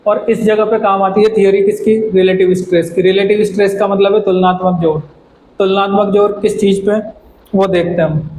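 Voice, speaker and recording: A man's voice: high voice, flat delivery, fairly quick, a little mellow. A man teaching a poetry lesson in Hindi mixed with English, patient and repetitive, breaking lines down word by word. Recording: echoey room with faint background noise.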